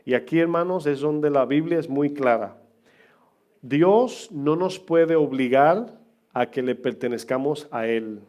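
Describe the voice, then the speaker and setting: In a church, a middle-aged pastor delivers a sermon, chatting with his congregation through humor and questions. His voice is a little high, a touch mellow, and unhurried.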